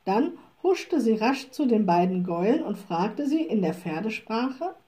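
Warm-voiced woman reading a story. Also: fairly high pitch, sing-song, a little slow. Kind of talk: children's audiobook narration.

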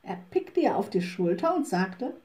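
A woman reading a children's storybook aloud in a calm, measured storytelling manner. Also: mid-range voice. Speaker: narrator.

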